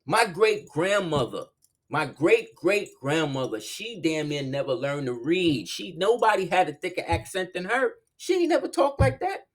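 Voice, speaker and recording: Casual solo host, man, animated, pitch swinging from low murmurs to high bursts. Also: normal speed. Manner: animated, swings between low murmurs and loud laughing outbursts. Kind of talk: casual monologue.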